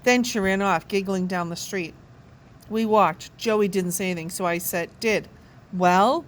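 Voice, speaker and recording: A woman reading a children's novel aloud with expressive, animated storytelling. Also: medium pitch, moderate pace, a little hiss or hum. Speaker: children's book reader.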